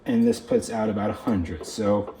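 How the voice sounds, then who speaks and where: A man with a lowish, mellow voice speaks at normal speed in a steady tone. He hosts a hands-on electronics video, giving casual, unscripted commentary as he thinks aloud while inspecting things, sometimes trailing off. The recording has clear background noise and room ambience.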